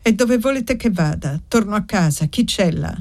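A woman's voice: mid-range voice, lively intonation, normal speed, a little mellow. A woman reading as a desperate young woman. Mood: despairing.

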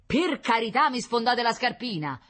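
A woman's voice: on the high side, very animated, normal speed, a bit bright, pitched above the performer's own voice. A woman doing a pompous officious neighbor man. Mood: defensive. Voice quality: stiff, blustering. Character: pompous middle-aged male neighbor, officious.

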